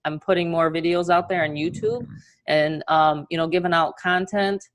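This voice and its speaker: Energetic New York woman, lower voice. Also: moderate pace. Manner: energetic, chatty, motivational. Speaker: online marketing coach. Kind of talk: casual webinar presentation.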